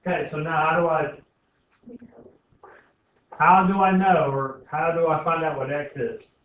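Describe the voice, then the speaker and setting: In a fairly high voice, unhurried and with fairly even intonation, a man teaches algebra informally, working through ideas aloud and checking in with questions to the class. The recording is from a distant mic in a very echoey indoor classroom, muffled, with faint background noise.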